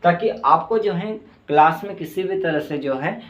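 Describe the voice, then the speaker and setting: A male teacher with a Madhya Pradesh Hindi accent gives an online class lesson, explaining slowly with many fillers and repeated checks. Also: on the high side. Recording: roomy, distant, dull mic sound.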